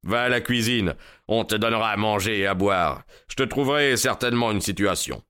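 Man playing an older country gentleman, forced heartiness, dry close sound. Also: fairly low pitch, brisk, clean tone, dry recording. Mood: falsely hearty.

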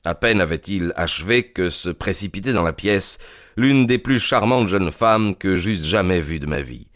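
Brief: low male narrator, measured delivery, dry close studio sound. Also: expressive, a bit bright, no room sound. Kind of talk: audiobook narration.

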